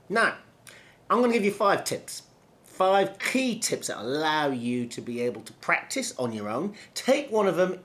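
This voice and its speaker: A middle-aged man teaching presentation skills, deliberately slowing down, stretching and repeating key words to show how it's done. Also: medium pitch. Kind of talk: instructional talk to camera.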